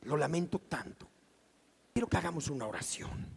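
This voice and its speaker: A middle-aged man with a Mexican Spanish accent preaching a sermon as pastor, animated and acting out the voices he quotes. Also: on the high side, moderate pace, creaky, a little hiss or hum. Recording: church hall reverb.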